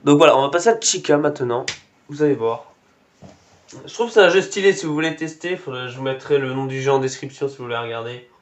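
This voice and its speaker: A fast-talking man with a mid-range voice shows off characters in a game, reacting and exclaiming at whatever appears on screen. The casual commentary comes through a dull lo-fi recording with faint game music underneath.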